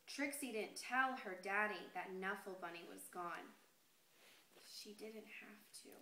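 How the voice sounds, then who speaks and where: A woman teacher reading a picture book aloud to young children in an expressive, deliberate storytelling way, pausing to address the class. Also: medium pitch. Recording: echoey room with noticeable background noise.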